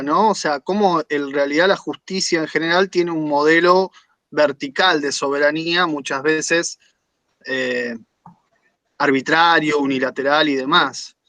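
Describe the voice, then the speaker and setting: A man coordinating a virtual academic panel, explaining points in a measured way and putting questions to the panelists over a video call. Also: a little high, pushed and bright, no room sound.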